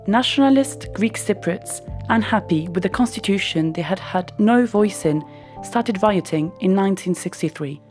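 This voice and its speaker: A woman giving scripted documentary narration in an even, explanatory manner. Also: medium pitch, moderate pace, soft background music.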